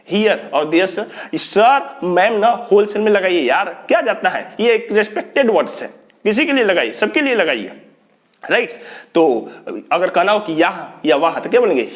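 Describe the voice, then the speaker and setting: Lively, high-voiced man teaching English. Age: young adult. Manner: repeats phrases over and over, chuckles often. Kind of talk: spoken English lesson.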